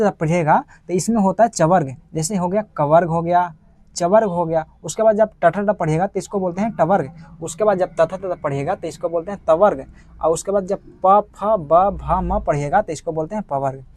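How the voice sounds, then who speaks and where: A man's voice: high-pitched, a little mellow. A male teacher giving a grammar lesson, asking questions and answering them himself over and over. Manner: repetitive call-and-response questioning.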